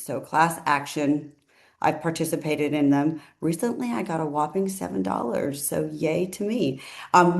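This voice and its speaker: A woman's voice: deep voice, vocal fry. A woman attorney giving casual legal commentary in a chatty way, often correcting herself and adding asides.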